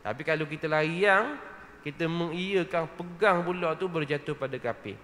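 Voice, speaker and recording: A man with a somewhat high-pitched voice delivers a mosque lecture. His delivery is conversational, and he keeps checking in with his audience. The sound carries the long reverb of a mosque hall. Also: normal speed, fairly bright tone, faint music behind. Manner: conversational preaching, frequent "ha?" checks with listeners. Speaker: religious lecturer.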